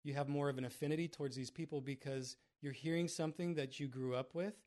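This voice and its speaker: A man's voice: fairly high pitch, steady tone, fast talker, darkish tone. Mumbling man in casual chat. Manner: self-described mumbler.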